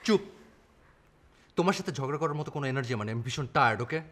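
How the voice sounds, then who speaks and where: A man's voice: medium pitch, lively intonation, rapid-fire, lightly acted. An actor playing a tired husband, curt and dismissive toward his wife, later remorseful. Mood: irritated. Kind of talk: TV drama acting.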